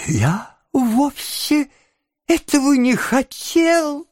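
A man voicing a whining, cowardly young male apprentice in a high, plaintive voice in an audiobook. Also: sing-song, slow pace, no echo, studio quality, heavily acted. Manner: whiny, high-pitched and plaintive. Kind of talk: audiobook character voice.

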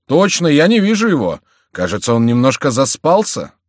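A man's voice: mid-range voice, wildly swooping pitch, moderate pace, no room sound, clean studio sound, pitched above the performer's own voice. A man voicing a mocking, sceptical Gascon nobleman itching to fight. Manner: sneering and doubtful.

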